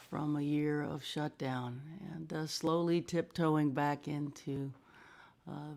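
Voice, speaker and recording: A woman musician chatting casually on a livestream, halting with many fillers and often laughing. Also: low voice. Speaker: touring musician.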